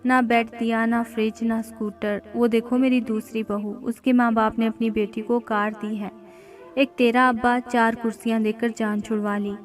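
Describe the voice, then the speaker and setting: A woman's voice: on the high side, little pitch movement, moderate pace, soft background music, lightly acted. Woman doing a taunting, bitter mother-in-law. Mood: scornful. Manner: scornful, taunting.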